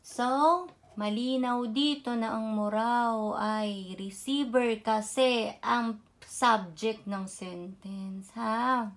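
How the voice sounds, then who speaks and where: A woman teaching a casual online Japanese lesson, animated and often checking in with quick tag questions. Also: fairly high pitch. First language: Tagalog.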